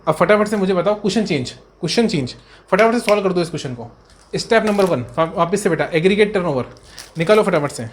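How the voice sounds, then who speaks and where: A man tutoring accountancy students in a brisk revision lecture. He repeats key points and answers his own questions in a student's voice. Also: high voice, expressive, a little hiss or hum. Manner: fond, coaxing tone toward students.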